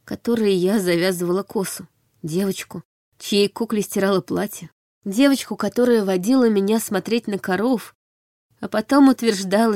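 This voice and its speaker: A woman's voice: medium pitch, a little mellow, no room sound. Woman narrating an audiobook, dry and close. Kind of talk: first-person scripted audiobook narration.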